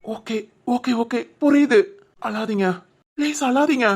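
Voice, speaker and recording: A woman voicing a gentle young husband in a dubbed cartoon drama, earnestly pleading and reassuring. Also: a little high, measured pace, slightly rough.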